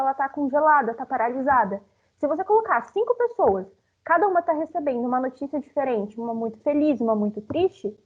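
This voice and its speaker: A woman's voice: high-pitched, breathy edge. A young woman in her twenties from Brazil giving a live talk, chatting directly with her audience. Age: 20s. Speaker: speaker. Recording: phone-like narrow sound.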